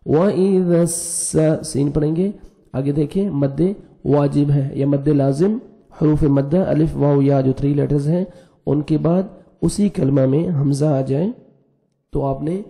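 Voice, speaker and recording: A man teaching a tajweed lesson online. He chants the verses slowly and melodically, then explains the pronunciation rules quickly. He has a slightly sore throat. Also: medium pitch, gravelly, mellow. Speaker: Quran recitation teacher.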